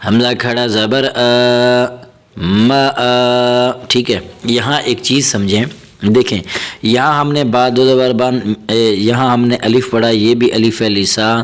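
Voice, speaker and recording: A man teaching Quran reading, slowly spelling out and chanting each syllable, then explaining the rules in quick bursts. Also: medium pitch, steady tone. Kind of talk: spelling-out recitation lesson.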